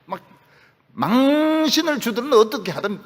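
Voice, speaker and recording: A man's voice: very animated, a little slow, in a large hall. A male pastor preaching a sermon in a dramatic manner, acting out quoted voices. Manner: dramatic, acts out quoted voices with big pitch swings. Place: church sanctuary.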